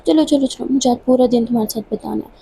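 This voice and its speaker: A woman voicing a sulky, sharp-tongued young woman in a told love story, speaking curtly and irritably. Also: a little high, fast, gravelly, breathy edge. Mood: teasing. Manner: curt and irritable.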